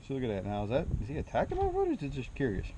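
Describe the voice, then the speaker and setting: A man giving a relaxed outdoor snake demonstration on a handheld camera, explaining and asking the viewer questions. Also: mid-range voice, very fast, background noise. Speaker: snake educator. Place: outdoors near a trailer. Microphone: handheld camera mic.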